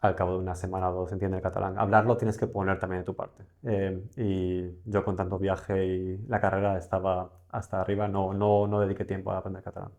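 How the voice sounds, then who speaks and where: A young Spanish man, a guest on a podcast, chats casually and reflectively, hesitating often and filling gaps with fillers. His low, a little mellow voice barely moves in pitch, and he speaks briskly with hardly any pauses.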